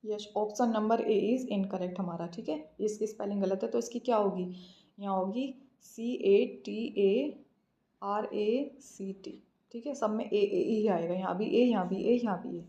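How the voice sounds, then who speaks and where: A woman teaching an English exam practice lesson, reading out questions slowly and explaining answers in a mix of Hindi and English. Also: medium pitch, warm tone, dull audio.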